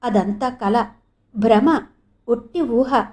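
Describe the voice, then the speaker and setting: A woman narrating a novel as an audiobook in a measured, expressive storytelling manner. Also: fairly high pitch. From India.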